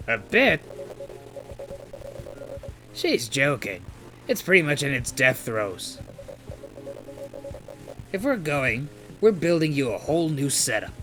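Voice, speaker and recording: Teasing easygoing guy, acted by a man, medium pitch, game dialogue, music behind. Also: big pitch swings, slow, pauses often, pushed and bright, heavily acted, poor audio. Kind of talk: video game dialogue read-aloud.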